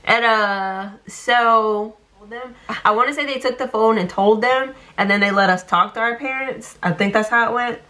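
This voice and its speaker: A young woman telling a story casually, chatty and animated, full of fillers. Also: on the high side, normal speed, hardly any pauses. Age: young adult.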